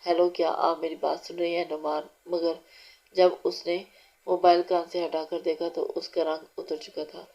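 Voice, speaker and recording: A woman reading a romance novel aloud as audiobook narrator, steady and unhurried, with small restarts. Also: on the low side. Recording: dull lo-fi recording.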